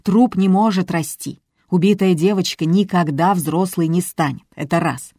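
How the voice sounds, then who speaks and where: A gruff, irritable manager barks blunt scoldings, as a woman reading the audiobook puts him on. The voice sits low and warm with a husky edge. He sounds fed up and bossy. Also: normal speed, dry recording, studio quality.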